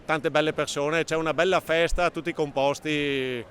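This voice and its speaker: A man's voice: fairly high pitch, steady tone, moderate pace, a bit bright, a little hiss or hum. A man with a slightly raised voice answers enthusiastically in a street interview. He piles up short phrases one after another.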